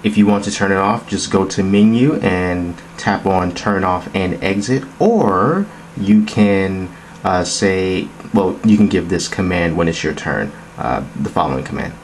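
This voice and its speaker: Indoors, an app demonstrator with a low-pitched voice talks at a measured pace while showing a phone on a wooden table. He narrates the tech demo casually, in an informal, conversational, explanatory style, with noticeable background noise in the recording.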